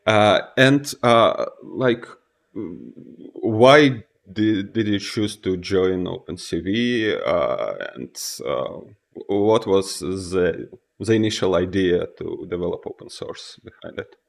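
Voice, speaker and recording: A man hosting a casual interview, feeling his way through questions in halting phrases. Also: low-pitched, animated, gravelly. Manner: halting, searching for words. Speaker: interviewer, host.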